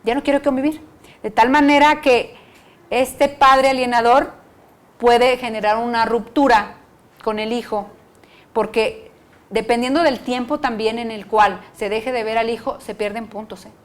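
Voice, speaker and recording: A woman psychologist lectures an audience in a lively way, acting out the words of parents and children. Her voice is a little high and her pace measured.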